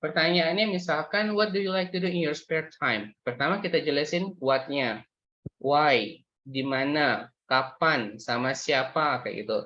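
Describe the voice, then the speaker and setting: A man's voice: a little high, a little slow, pushed and bright, highs cut off. A man explaining exam speaking skills in a workshop lecture, mixing English terms into his talk with frequent fillers and hesitations. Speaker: IELTS speaking tutor.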